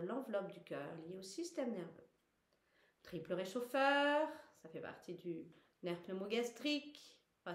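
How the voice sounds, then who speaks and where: A woman leads a guided self-massage lesson in a calm, even voice at a middle pitch. She gives instructions step by step and explains the reasons for each one. The recording carries a roomy echo. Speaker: wellness instructor.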